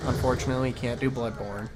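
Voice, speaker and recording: A man's voice: medium pitch, fairly even intonation, quick pace, noisy background. A man with a Midwestern accent giving casual, rambling gameplay commentary as a streamer. He swears freely and talks to himself as he plays. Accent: Midwestern American. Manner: rambling, profane, talks to himself while playing.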